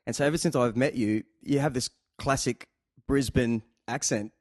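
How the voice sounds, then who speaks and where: A man's voice: mid-range voice, moderate pace, dry recording, studio quality. An Australian man hosting a casual chat interview, talking in a rambling, joking and teasing way. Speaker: show host.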